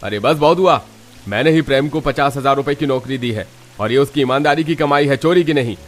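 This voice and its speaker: A man voicing a rich, stern employer who scolds loudly and commands. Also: mid-range voice, fairly quick, lightly acted. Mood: indignant. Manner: loud, scolding.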